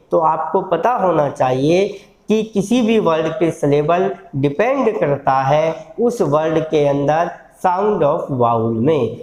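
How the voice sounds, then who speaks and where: Male lecturer, slightly high voice, unhurried and encouraging, stretches sounds out. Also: darkish tone. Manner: slow, drawn-out sounding of syllables, encouraging. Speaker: law college lecturer. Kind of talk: recorded lecture. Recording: echoey room.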